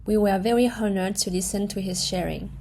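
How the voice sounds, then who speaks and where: A fashion designer from France with a French accent, narrating her trip in a measured, clear voice-over. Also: mid-range voice, steady tone, dark tone, slight background noise.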